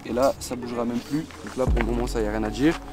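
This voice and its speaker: A man's voice: medium pitch, steady tone, quick pace. A man vlogging casually in French street slang, addressing viewers as mates while presenting a product. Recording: music behind the voice.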